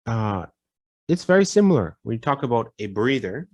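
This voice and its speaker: A man teaching a casual English vocabulary lesson, repeating phrases and filling pauses with "you know". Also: mid-range voice, big pitch swings, darkish tone, dull audio.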